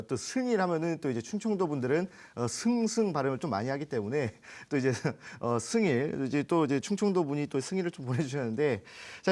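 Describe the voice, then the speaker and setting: A man from Chungcheong, Korea, giving stock advice on a TV show, chatty, with homely analogies and frequent self-corrections. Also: high voice. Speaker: stock market expert. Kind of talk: stock consultation on TV.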